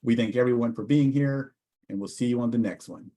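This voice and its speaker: A man moderates a webinar over a video call in an easygoing manner. His voice sits at a middle pitch as he handles questions and closes the session. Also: a little fast, dark tone. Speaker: host, communication director.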